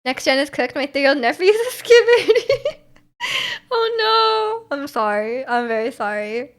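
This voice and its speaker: A woman in her twenties chatting casually on a stream, reading out viewer messages and answering them. Her voice sits high, and she laughs easily and often. The talk is loose and chatty, full of playful asides. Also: big pitch swings, unhurried. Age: 20s.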